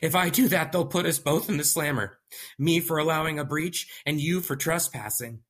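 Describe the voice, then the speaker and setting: A man's voice: a little high, moderate pace, a bit bright, voice pushed up. A man voicing a panicky young male lab worker who stammers and curses. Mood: frantic.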